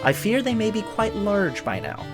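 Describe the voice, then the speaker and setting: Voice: mid-range voice, wildly swooping pitch, normal speed, music in the background. An actor playing an oblivious, eccentric scientist in their thirties, earnest and theatrical in comic dialogue. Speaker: actor in a comedy sketch.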